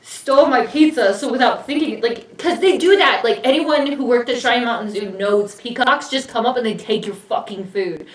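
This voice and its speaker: A woman's voice: on the high side, moderate pace, few pauses. A woman hosting a casual live-stream game chat, telling stories with lots of laughter. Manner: laughs often, animated storyteller. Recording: echoey room, far from the mic.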